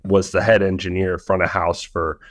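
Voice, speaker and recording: A man from Arizona raised in Indianapolis, a music producer chatting as an interview guest, friendly and quick to laugh. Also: low-pitched, little pitch movement, dry recording. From Indianapolis, raised; born in Arizona. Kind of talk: casual interview chat.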